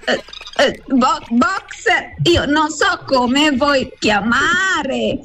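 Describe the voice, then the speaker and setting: Brief: woman playing a metallic robot-voiced alien lady, high and swooping, very slow, broken speech, radio comedy skit. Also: animated, a bit bright, full character voice. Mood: otherworldly. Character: alien woman from another planet, slow and strange.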